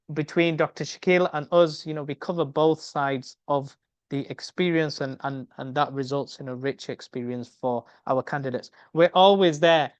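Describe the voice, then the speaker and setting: Middle-aged man from the UK giving a webinar talk. He speaks earnestly, with a smooth voice that is fairly high for a man, and he often repeats words as he thinks. The sound is dry, dull video-call audio. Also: no echo. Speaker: medical educator and academy speaker. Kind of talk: webinar presentation.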